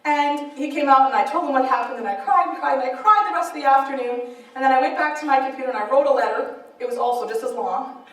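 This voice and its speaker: Woman speaker, animated testimony, high voice, big echoey hall, distant mic. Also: fast. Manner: animated, laughing storytelling. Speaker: author and speaker. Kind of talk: personal testimony at a church event.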